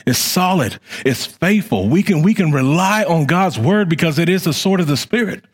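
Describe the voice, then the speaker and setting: A middle-aged man preaching a sermon as pastor, with a fervent, repetitive cadence that swells loud and drops to quiet. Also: a little high, animated, moderate pace.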